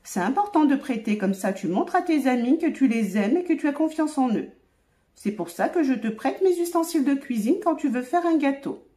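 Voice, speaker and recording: Gentle explaining mom, mellow and warm, voiced by a woman. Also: high-pitched, lively intonation, moderate pace. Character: gentle patient mother.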